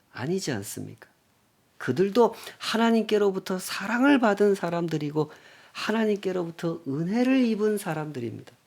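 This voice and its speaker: Guy pastor preaching, gravelly voice, swoops up and down a lot, asks the crowd questions. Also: sits high. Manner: emphatic preaching with rhetorical questions, swinging from loud to near-whisper. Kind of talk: Sunday sermon.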